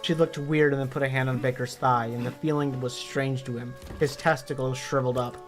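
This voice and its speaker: A hoarse man reading a story aloud in a plain, steady narrating voice. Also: mid-range voice, brisk, faint music behind. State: hoarse from illness.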